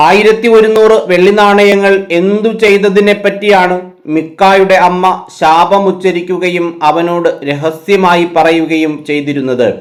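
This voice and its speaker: A man hosts a Bible quiz, reading numbered questions aloud and then giving each answer in a lower, quieter voice.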